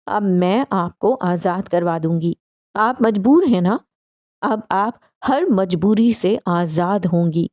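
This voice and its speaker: A woman voicing an enraged young woman who shouts and bites out her words at her mother. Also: mid-range voice, no echo, close to an everyday voice. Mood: furious. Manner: shouting, then cold and biting.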